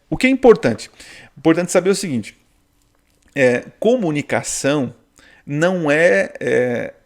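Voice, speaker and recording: A married man with a Brazilian Portuguese accent teaching a casual online Bible study, often tagging his sentences with "né?" and "tá?". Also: a little high. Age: adult, married. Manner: chatty, peppers speech with "né?" and "tá?". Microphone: sharing screen on a video call.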